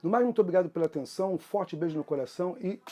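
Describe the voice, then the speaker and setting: A man with a Brazilian Portuguese accent giving an online literature lesson, chatty and enthusiastic, reading poems slowly and expressively. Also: high-pitched, warm tone, soft background music. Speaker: literature teacher.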